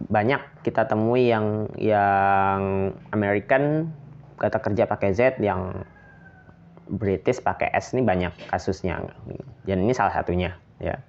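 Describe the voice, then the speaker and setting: A man from Indonesia explaining English phrases in a relaxed, chatty lesson, with fillers and light laughs. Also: on the low side, muffled recording, a little hiss or hum. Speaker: English teacher.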